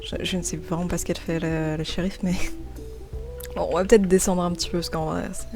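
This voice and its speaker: Excitable woman chatting thru a game and a drawing, kinda low voice, stumbles and repeats herself, desk mic at home. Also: fairly quick, soft background music. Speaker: gaming and art YouTuber. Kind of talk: casual gaming and drawing commentary. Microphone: desk microphone.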